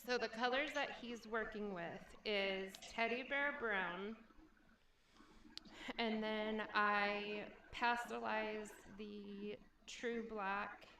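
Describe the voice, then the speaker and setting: A woman's voice: medium pitch, noisy background. Woman sounding like she is inside a barrel. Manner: chatty, reads viewer comments aloud. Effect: hollow, echoey sound as if inside a barrel, from her voice being picked up on two mics. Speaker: livestream host. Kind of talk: casual chat with viewers. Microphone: two microphones picking up her voice. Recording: hollow echoey doubled-mic sound.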